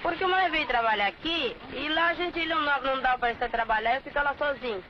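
A woman, a beach food vendor answering interview questions in simple, quick replies. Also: high voice. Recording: muffled old film audio with clear hiss.

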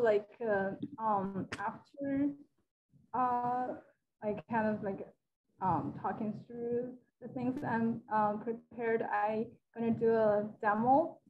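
Young woman from China, fairly high voice, halting talk on a slightly dull video call. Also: slight background noise. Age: young adult. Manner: hesitant, many fillers and restarts. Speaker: guest speaker. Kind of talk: casual presentation on a video call. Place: living room with a large wall mural. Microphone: video call, laptop camera.

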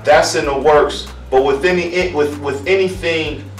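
A man in his thirties from Akron, Ohio, a barber answering interview questions in a calm, earnest way, often repeating words as he searches for them. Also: on the high side, a little slow. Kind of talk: casual interview. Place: small room indoors. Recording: roomy, distant mic, faint music.

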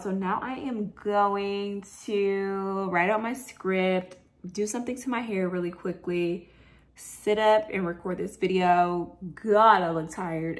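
A chatty woman in her late twenties talks straight to camera in a relaxed vlog. Her speech is loose and full of fillers. She sits in the middle of the range in pitch. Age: late 20s. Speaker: vlogger. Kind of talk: casual vlog chat to camera. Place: at home.

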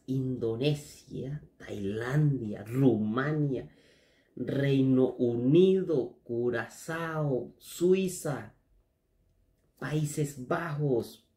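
A man's voice: mid-range voice, dark tone. A man chatting casually in a vlog, reading lists aloud and musing to himself as he goes. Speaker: vlogger.

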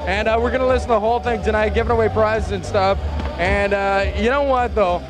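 A man's voice: high voice, fairly even intonation, fast. A man working as a radio DJ, chatting casually on air with a jokey, self-deprecating showman manner.

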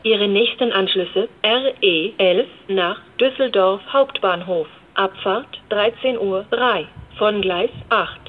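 A female station announcer delivers flat automated platform announcements at a slow pace. Her phrases are formulaic and pieced together. The recording is dull, with clear background noise behind her. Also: mid-range voice.

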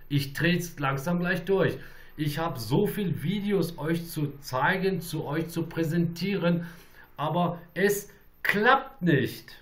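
A man livestreaming to his viewers, talking in a rambling, repetitive and excitable way. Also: fairly high pitch. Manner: repetitive, restarts and repeats phrases, excitable. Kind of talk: rambling live-stream monologue to viewers.

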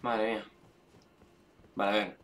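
Excitable Spanish man yelling over gameplay. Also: on the low side, a little slow. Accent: Spain Spanish. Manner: excitable, shouts and swears at the game. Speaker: gameplay streamer. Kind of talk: gameplay commentary.

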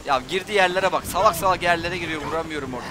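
A man's voice: fairly high pitch, very fast, background noise. A young man doing let's play commentary, frustrated, swearing and taunting. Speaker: gameplay commentator.

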